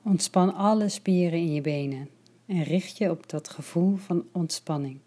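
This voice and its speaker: Soft-spoken woman guiding relaxation. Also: on the low side. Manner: slow, soft and soothing, partly whispered. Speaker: relaxation guide. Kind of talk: guided relaxation meditation.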